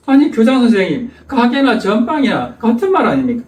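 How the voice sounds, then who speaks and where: A man's voice: very high voice, sing-song, fairly quick, darkish tone, distant mic, pitched above the performer's own voice. A man voicing an exasperated husband who asks the same incredulous question again and again, heard in an echoey church hall. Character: exasperated middle-aged husband questioning a neighbor.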